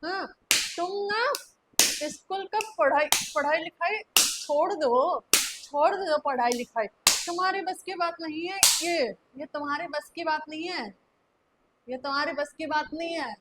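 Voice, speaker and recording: A woman's voice: sits high, measured pace, very noisy. A woman playing a strict scolding schoolteacher. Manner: nagging, repeats herself, keeps demanding answers. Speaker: vlogger acting in a skit. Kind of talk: staged classroom skit.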